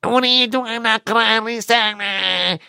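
A man's voice: sits high, steady tone, normal speed, creaky, bright, forceful tone, clean tone, no room sound, clean studio sound, voice pushed up, heavily acted. A man voicing a spoiled, demanding young boy with a whiny voice.

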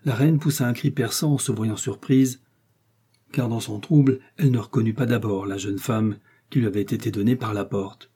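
A male narrator reads a classic novel aloud in a steady, measured pace. His tone is mellow and warm with a husky edge. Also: fairly low pitch. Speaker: audiobook narrator. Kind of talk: scripted narration.

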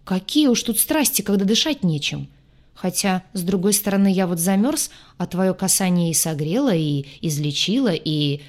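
A sarcastic young alien mechanic in a fantasy audiobook, mocking and cheeky, played by a woman narrator. His voice sits somewhat above the reader's own, teasing rather than gruff. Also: fairly low pitch, expressive, moderate pace, a little mellow. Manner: mocking, joking.

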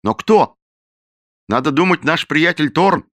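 A man's voice: on the high side, animated, a little slow, a bit bright, no echo, pitched above the performer's own voice. A man voicing an earnest young man who sounds uneasy.

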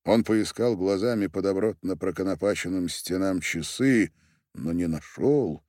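A man's voice: low-pitched, unhurried, darkish tone, no echo, studio quality. A man narrating a literary audiobook expressively, doing voices for the characters.

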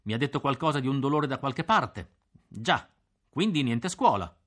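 A shabby, sly middle-aged probation officer, as a male narrator puts him on, drawling and adding a flat "già" after each remark. His pitch swoops up and down through lively phrases in an audiobook reading. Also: moderate pace. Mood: sly, probing.

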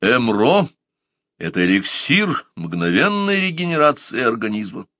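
A man voices a composed, polite old inventor in an audiobook story. He speaks calmly and with weight, and his intonation rises and falls a lot. The sound is dry and close. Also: medium pitch, normal speed, no echo. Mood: weighty. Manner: calm, courteous, weighty delivery.

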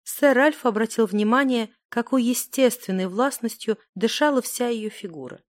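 A woman narrating a story in a calm, measured reading voice. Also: fairly high pitch, dry recording, studio quality. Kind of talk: audiobook narration.

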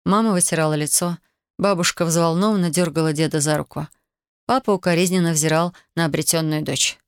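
Audiobook narrator, steady even reading, dry close mic, mid pitch. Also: brisk, smooth, no echo. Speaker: audiobook reader. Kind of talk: scripted literary narration.

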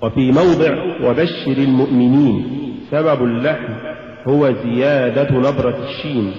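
A man teaching Quran recitation, measured and methodical, contrasting wrong and right readings and chanting short verse examples. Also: mid-range voice, fairly even intonation. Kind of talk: recitation lesson. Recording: echoey hall, muffled lo-fi.

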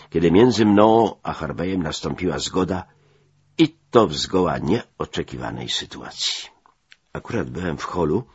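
Brief: male memoir narrator, low and lively in pitch, measured storytelling, dry close sound. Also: husky, dry recording, highs cut off. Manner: measured first-person storytelling.

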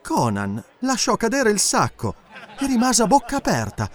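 Expressive male audiobook narrator. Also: high-pitched, normal speed. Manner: expressive, animated storytelling.

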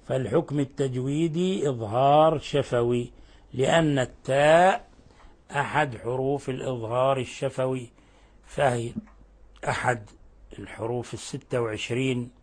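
An older man teaching Quran recitation rules, explaining patiently and reciting verse examples slowly and drawn out. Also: fairly high pitch. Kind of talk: tajweed lesson with recited examples.

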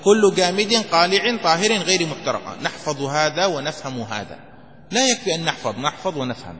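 High-voiced sheikh teaching in a reverberant hall. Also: male voice, lively intonation, fairly bright tone. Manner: asks questions and answers them himself, repeats key phrases to memorize; dictates phrases slowly word by word. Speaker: sheikh teaching Shafi'i jurisprudence. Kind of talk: classroom fiqh lesson.

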